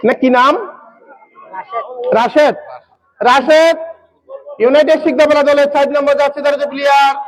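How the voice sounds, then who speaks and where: A man calls a local football shootout in a very high-pitched voice. His tone stays on a narrow, insistent level as he announces players, repeats names and excitedly shouts the shots. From Bangladesh. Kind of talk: live football penalty shootout commentary. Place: outdoor local football ground.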